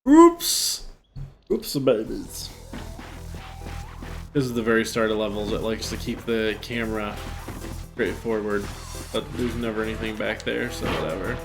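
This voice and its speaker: A man's voice: fairly low pitch, flat delivery, brisk. A man giving casual, rambling commentary as he plays a video game. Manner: offhand, rambling. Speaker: gameplay commentator. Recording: game music behind the voice.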